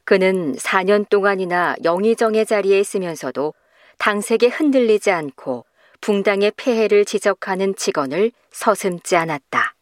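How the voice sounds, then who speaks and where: A woman's voice: medium pitch, normal speed, dry recording, clean studio sound. Woman reading a scholarly quote. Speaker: reader of a quoted passage. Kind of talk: scripted reading of a scholarly text.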